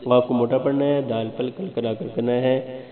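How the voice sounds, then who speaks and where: A male Islamic scholar giving a religious lesson, explaining pronunciation rules step by step and drawing out sample words slowly. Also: mid-range voice, steady tone, a crowd in the background. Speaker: Islamic scholar teaching Quran recitation. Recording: tinny, echoey recording with an audience.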